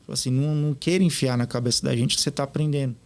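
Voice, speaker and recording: A man, a podcast guest telling stories in an animated way and acting out what others said. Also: medium pitch, rapid-fire. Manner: animated, quotes others in lively retellings. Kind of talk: casual storytelling interview.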